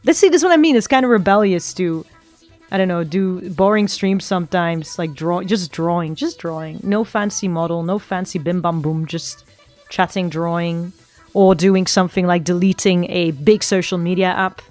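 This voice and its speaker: Faint music plays behind this Flemish Dutch-speaking virtual streamer, whose fairly low, darkish voice moves at a normal speed. She draws and answers chat in a casual, rambling way, thinking out loud and frequently correcting herself.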